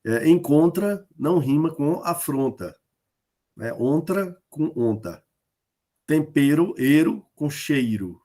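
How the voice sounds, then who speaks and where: Slow-paced and warm, his fairly high voice carries lively intonation. The speaker, a man from Northeast Brazil, lectures online on rhyme in folk poetry, sounding hesitant, dropping fillers and tag questions, and teaching through examples said aloud.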